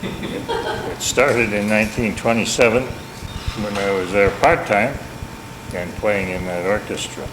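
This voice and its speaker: A man with a lowish voice talks slowly and pauses often. He's a family elder in his seventies from Minneapolis, Upper Midwestern in accent, recalling family history in a casual, folksy, wryly self-deprecating way. Hum, echo, and noise mark the home tape.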